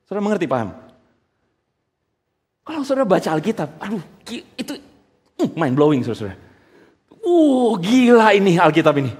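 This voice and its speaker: A man preaching a sermon in an animated way, full of rhetorical questions and casual slang, in a church hall. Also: high-pitched, a little fast, long pauses. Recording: long hall reverb.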